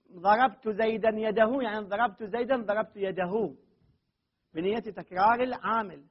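This classroom lecture comes from a man who teaches Arabic grammar and Quran readings, his voice high and husky. Speaking slowly, he repeats phrases and builds to emphatic stresses, all captured on a dull lo-fi recording.

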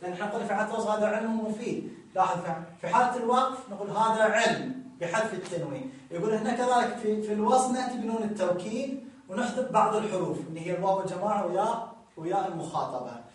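A man teaching grammar, repeating examples slowly and telling listeners to notice each form. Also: high voice. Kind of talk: explaining grammar rules with examples. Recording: very echoey room, distant mic.

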